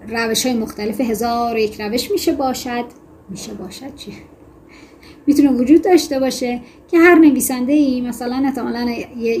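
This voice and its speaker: A woman teaching a lesson on fiction writing, explaining in a conversational way with self-corrections and reading passages aloud in a measured voice. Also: on the high side, a little mellow, a little hiss or hum. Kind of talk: lecture on fiction writing with read-aloud excerpts.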